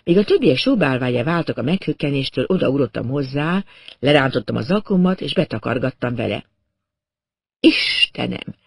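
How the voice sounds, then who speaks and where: A man narrates a story with a wry, expressive delivery. His voice is husky and gravelly, and his pitch rises and falls with animated emphasis. The recording is close and dry. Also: dry recording. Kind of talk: audiobook reading of a crime novel.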